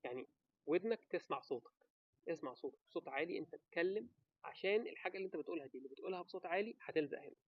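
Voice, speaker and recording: An Egyptian man with an Egyptian Arabic accent gives casual advice to camera, animated and talking straight to the viewer with quick rhetorical questions. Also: a little high, dry recording, highs cut off. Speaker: vlogger giving advice.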